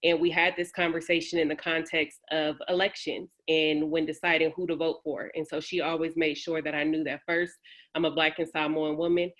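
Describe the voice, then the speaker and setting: A woman's voice: deep voice, little pitch movement, a little fast, a bit bright. A woman from San Francisco, speaking as a panelist on a video call in an earnest, personal way.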